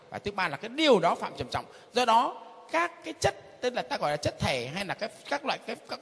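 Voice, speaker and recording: Animated, husky-voiced priest in a reverberant hall. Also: male voice, high-pitched. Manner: emphatic, repeats phrases, chuckles. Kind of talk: informal catechism teaching.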